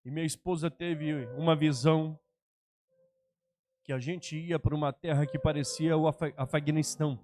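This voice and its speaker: A man, a pastor preaching a personal testimony sermon, acting out dialogue and swinging between loud outbursts and hushed lines. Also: on the high side, fairly even intonation, moderate pace. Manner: dramatic, acts out dialogue, swings from shouting to hushed.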